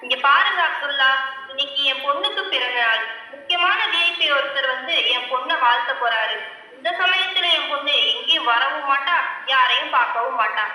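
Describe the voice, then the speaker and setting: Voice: high voice, brisk, pushed and bright. A school performer playing a proud rich father who curtly sends visitors away in a stage play. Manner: curt, bossy, brushes people off. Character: proud, dismissive rich father expecting a VIP. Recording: echoey hall, mic far off.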